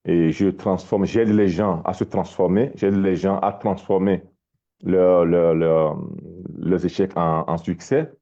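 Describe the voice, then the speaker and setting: Male life coach from Togo, deep voice, stumbles and repeats words, on a muffled video call. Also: fairly even intonation, mellow. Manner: halting, repeats words often. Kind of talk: motivational talk on a live stream.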